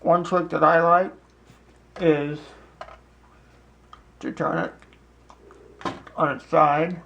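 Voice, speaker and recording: A man with a slightly high, gravelly voice walks through a casual demonstration. His delivery is slow and deliberate, often broken into short halting phrases. Faint room noise sits behind him. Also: little pitch movement, fairly bright tone, muffled recording. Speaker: host demonstrating a hobby. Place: home basement, indoors. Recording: clear background noise, room ambience.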